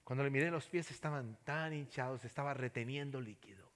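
A man preaching a sermon, telling a personal story and then appealing to listeners, going from soft near-whispers to loud passionate calls. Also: mid-range voice, fairly quick. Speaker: pastor.

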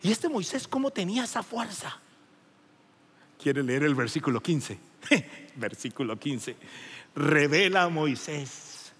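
A man's voice: on the high side, sing-song, slow, pauses often, fairly bright tone, slightly rough. A male preacher giving a fervent, emphatic sermon and calling out to his congregation in a church. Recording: long reverb of a large hall.

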